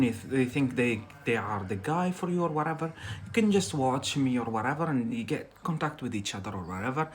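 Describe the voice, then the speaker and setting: A young Algerian man whose first language is Algerian Arabic hosts an English-learning live stream, rambling casually with lots of fillers and frequent laughter. His voice is mid-range and a little bright, with slight background noise.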